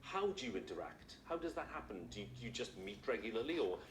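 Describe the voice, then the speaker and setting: A man's voice: medium pitch, sing-song, fast. A man presenting a live news interview, asking wordy questions with hesitations and repeated phrases. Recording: roomy echo, background ambient noise.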